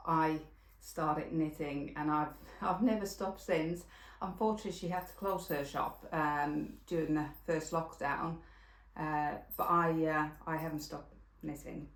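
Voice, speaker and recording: A woman in her forties from Finland, with a Finnish accent and a low-sitting voice, hosts a casual knitting podcast in an echoey room. She rambles through the chat with lots of fillers and restarts.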